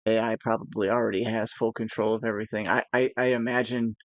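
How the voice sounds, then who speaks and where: A man chatting casually while gaming, rambling with nervous laughs and animated asides. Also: on the low side, quick pace, no echo, muffled recording. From United States. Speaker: gaming podcast co-host.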